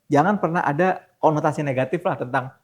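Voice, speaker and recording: A man's voice: a little high, brisk. Middle-aged man explaining in casual chat. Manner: relaxed, explaining with lists and rhetorical questions. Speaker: stock market guest.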